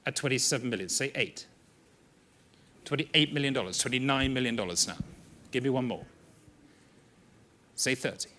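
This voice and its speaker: Bright-voiced male auctioneer calling bids. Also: mid-range voice, slight background noise. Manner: brisk, rhythmic calling of bids. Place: auction room in a hotel.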